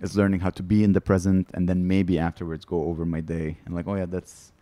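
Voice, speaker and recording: A man's voice: deep voice, level tone, quick pace, mellow, dry recording. A male comedian guest chatting casually on a podcast, telling candid, rambling stories and laughing between lines. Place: studio.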